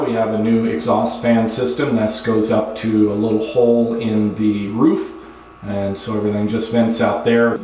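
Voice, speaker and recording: A man narrates a casual property tour in a matter-of-fact, itemizing way, with a mid-pitched voice. The sound is strongly reverberant, like bare rooms in an empty house, with a faint layer of noise. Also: a little mellow. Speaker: property owner and video host.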